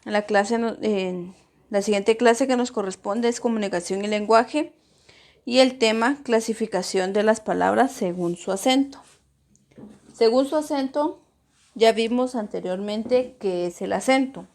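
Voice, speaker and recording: Slow, patient woman teaching grammar. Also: a little high, a little mellow. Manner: slow, deliberate, stresses syllables when modeling words. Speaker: primary school teacher. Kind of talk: recorded grammar lesson.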